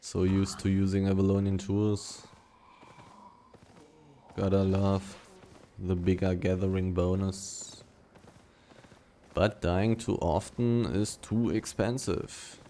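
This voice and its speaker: A man's voice: low voice, level tone, slow, pauses often, warm tone, slight background noise. A man giving casual running commentary while he plays a video game, thinking aloud and humming between remarks. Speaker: gaming video creator.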